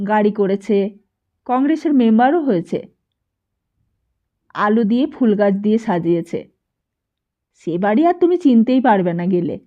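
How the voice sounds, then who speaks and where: A woman's voice: mid-range voice, lively intonation, normal speed, pauses often, natural voice. A woman voicing an earnest young man pressing his mother with questions, in a storybook reading. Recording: dull lo-fi recording.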